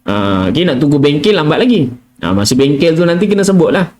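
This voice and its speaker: A middle-aged Quran recitation teacher with a Malaysian Malay accent runs a casual live tajwid lesson. His voice sits on the high side with a darkish tone, and he talks fast and very animatedly, dropping "kan?" and "ah" into his chat while sometimes whispering or chanting letter sounds to demonstrate them.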